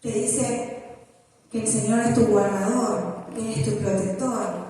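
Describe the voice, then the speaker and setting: A woman pastor with a Rioplatense Spanish accent gives an expressive sermon and acts out inner voices. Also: medium pitch, slow pace. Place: church hall. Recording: echoey hall from far off.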